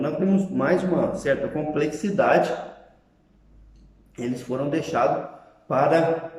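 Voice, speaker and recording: A man's voice: fairly high pitch, mellow, roomy sound. A male teacher explaining grammar in a recorded lesson, often checking in with his students as he goes.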